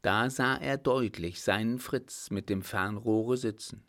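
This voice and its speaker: A man reading a novel aloud as an audiobook narrator, in a steady, unhurried way. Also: fairly low pitch. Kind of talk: scripted narration.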